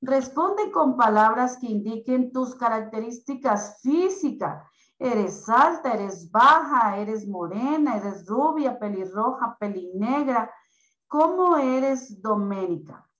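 A woman teacher speaks to young pupils over a video call, slow and drawn out, her voice a little high. The room around her rings with echo. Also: lively intonation, fairly bright tone. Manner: slow, patient, drawn-out explanations to children. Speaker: primary school teacher. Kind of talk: online class for children.

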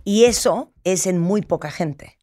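A woman with a Mexican accent hosting a radio talk show, telling stories in a lively, colloquial way. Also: fairly low pitch, unhurried, no echo, clean studio sound. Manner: lively, colloquial, chatty storytelling. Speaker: radio host. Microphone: studio microphone.

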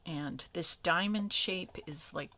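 A woman hosting a craft tutorial, explaining each step in a relaxed, chatty way with many ums and asides. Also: lowish voice, takes it slowly, gravelly. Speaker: craft video host.

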